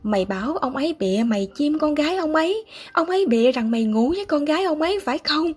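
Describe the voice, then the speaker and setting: Woman voicing an irate older mother, shrill scolding, husky tone, audiobook drama. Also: normal speed, faint music behind. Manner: harsh scolding, rising sharply. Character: angry older mother, sharp-tongued and scolding.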